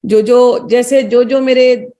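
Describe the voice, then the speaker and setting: A woman's voice: fairly high pitch, fairly even intonation, takes it slowly, dark tone. A middle-aged woman earnestly telling a devotional story from her own life, repeating words as she goes. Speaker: devotee sharing a personal story.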